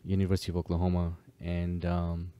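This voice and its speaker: A man's voice: deep voice, a little fast, clear, resonant tone, no echo, lo-fi sound. A man from Kenya, a DJ and producer, chatting casually and easygoingly as a podcast guest. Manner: relaxed, easygoing, many fillers.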